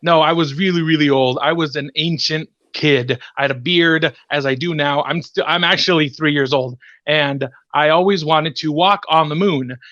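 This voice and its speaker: A man's voice: a little high, normal speed, hardly any pauses, a bit bright, no echo, lo-fi sound. A man improvising a rambling comic story over a video call, hesitating often with fillers. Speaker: improv player.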